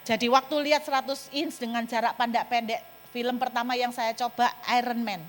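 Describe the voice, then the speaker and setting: A woman's voice: a little high, fairly quick. Woman pastor preaching in a reverberant hall. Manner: storytelling, animated, addresses congregation directly. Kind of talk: sermon. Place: church hall. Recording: long hall reverb, mains hum.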